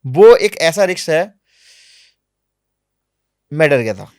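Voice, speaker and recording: A man being interviewed on a podcast, telling travel stories in a lively, animated way, sometimes dropping to low, quiet asides. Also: slow, no echo, clean studio sound. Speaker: travel vlogger guest. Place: podcast studio.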